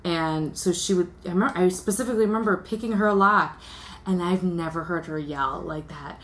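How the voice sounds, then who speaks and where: A woman's voice: lowish voice, fairly quick. A woman co-hosting a podcast in loose, casual conversation. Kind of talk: casual chat.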